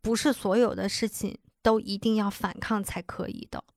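A woman's voice: medium pitch, fairly even intonation, normal speed, creaky, dry recording, studio quality. A woman in her thirties co-hosting a casual chat, telling stories and acting out quoted lines. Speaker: podcast co-host.

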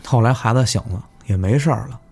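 A man telling village ghost stories in casual chat, animated and swearing in surprise. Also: mid-range voice, fast talker, vocal fry, breathy edge, faint music behind. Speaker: guest storyteller. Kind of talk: casual spooky storytelling.

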